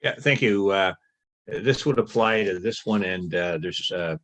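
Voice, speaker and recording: A male councillor asking a question at a council meeting, halting and deliberate with many pauses and fillers. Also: low-pitched, fairly bright tone.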